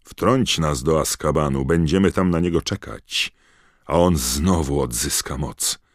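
A man voicing a fanatical, defiant dark witch in an audiobook. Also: extremely low pitch, a little slow, no echo, studio quality, pitched above the performer's own voice. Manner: defiant, zealous declarations. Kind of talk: audiobook character voice.

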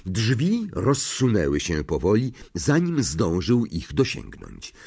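A man narrating an audiobook in a slow, suspenseful, dramatic way. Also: medium pitch, creaky, a little mellow, breathy edge.

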